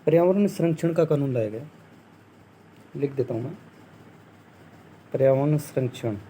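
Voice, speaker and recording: With a warm, mid-range voice at a moderate pace, this young instructor walks students through Hindi exam prep one step at a time. He quizzes the class, supplies the answers himself, drops "theek hai" frequently, and mimics mocking crowd voices for laughs. The rough recording has a little hiss or hum.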